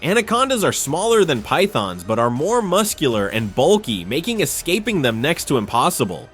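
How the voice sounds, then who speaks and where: A man narrates a nature documentary in a dramatic, scripted style. His voice sits a little higher than most men's and moves with lively intonation, over background music. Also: normal speed.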